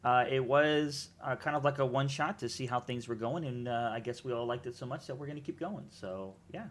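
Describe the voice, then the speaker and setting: A game master opening a tabletop session in casual chat, full of fillers and throat clearing. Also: medium pitch, brisk.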